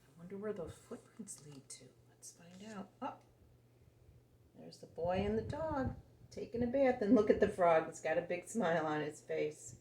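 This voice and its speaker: With a warm tone and a mid-range voice, a woman reads aloud to young children at a moderate pace, her intonation lively. It's an animated picture-book story told simply and expressively, full of questions for the listener. The room echoes noticeably, and faint background noise is audible.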